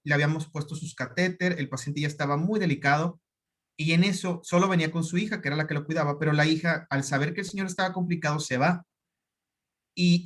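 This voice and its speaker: A man with a Mexican accent, a doctor giving a conference talk, telling anecdotes in a lively way and acting out the dialogue. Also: a little high. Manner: lively storytelling, acts out quoted dialogue.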